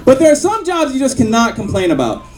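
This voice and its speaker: Young male stand-up comic, high and animated, rambling filler-heavy delivery, loud laughing crowd behind. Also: quick pace. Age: 20s. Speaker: stand-up comedian. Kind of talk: stand-up set. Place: comedy club stage with live audience.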